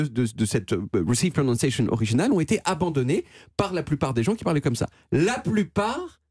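A man delivers a playful radio chronicle, explaining things in a chatty way and restarting his words now and then. His voice has a husky edge. It sounds dry and close on a studio microphone. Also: on the high side, a little mellow, dry recording. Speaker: radio columnist.

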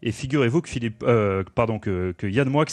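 Male foreign correspondent, live on radio, halting delivery, dry sound. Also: mid-range voice, a little mellow, dry recording. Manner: halting, reads out press quotes.

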